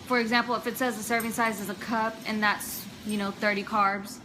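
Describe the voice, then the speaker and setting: Woman, steady flat delivery, practical step-by-step talk, clear background noise. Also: mid-range voice, fairly quick. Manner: practical, step-by-step, even-toned. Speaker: vlogger's wife. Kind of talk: casual explaining to camera.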